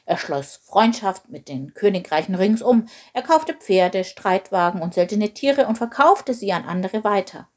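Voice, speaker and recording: A woman voicing a gentle, wise old female elephant who tells stories in a storybook reading, calm and measured. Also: medium pitch. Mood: telling.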